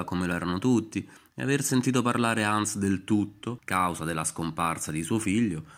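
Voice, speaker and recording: A male storyteller with a fairly low voice who narrates in a wry, deadpan way. His delivery is irreverent and unhurried. The lines come out in a dry, understated voice.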